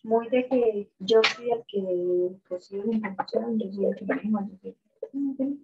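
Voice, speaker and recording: A woman's voice: fairly high pitch, unhurried, creaky, noisy background. Gossipy woman on a muffled call. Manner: animated storytelling, gossipy. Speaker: law student. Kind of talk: casual chat before class.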